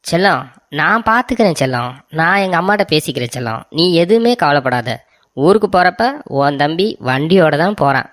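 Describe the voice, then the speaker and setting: A voice actor playing a spineless young husband in an animated story, fawning over and soothing his wife. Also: mid-range voice, brisk, no echo, clean studio sound, close to an everyday voice.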